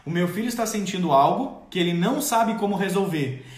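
Animated man teaching parents. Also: high voice, fairly quick. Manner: expressive, theatrical, direct address to mothers. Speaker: parenting educator. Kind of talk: motivational parenting talk. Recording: roomy echo.

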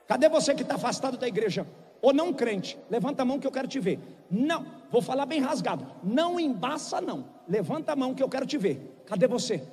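A man preaching a revival sermon, shouting impassioned altar calls in a large church. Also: very high-pitched, sing-song, fast. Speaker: pastor. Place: large church with galleries, live congregation. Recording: live church recording with long reverb and music.

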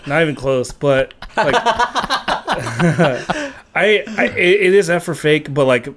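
A man's voice: on the high side, lively intonation, slow, background noise. A man co-hosting a casual movie podcast, blunt and loose, swearing and saying "like" a lot. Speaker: podcast co-host. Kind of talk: casual film chat.

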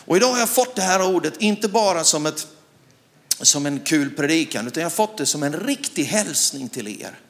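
This sermon features a middle-aged Swede sharing a personal story in a fairly high voice that swoops with energy. His animated storytelling climbs into loud shouting, and he repeatedly asks the congregation if they're following along.

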